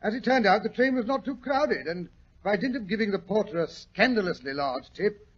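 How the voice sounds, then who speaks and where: A man's voice: high voice, animated, fairly quick, a bit bright, breathy edge, heavily acted. An actor playing a genial older English doctor with a British accent, recounting his adventures fussily and pompously in 1940s radio drama style. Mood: reminiscing, jovial. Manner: chuckling, fussy, pompously wordy. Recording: dull vintage 1940s radio recording.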